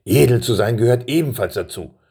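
A fumbling, ceremonious old king from a children's storybook, voiced by a man reading aloud. His voice is rough and gravelly and swoops up and down as he hesitates. He sounds pompous but unsure. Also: medium pitch, lively intonation, mellow. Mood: solemn. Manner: halting, ceremonious speeches full of pauses.

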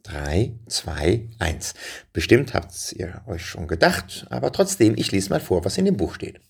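A man reading a children's story aloud in a lively, dramatic way, dropping to hushed passages. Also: lowish voice, normal speed, vocal fry, slightly rough.

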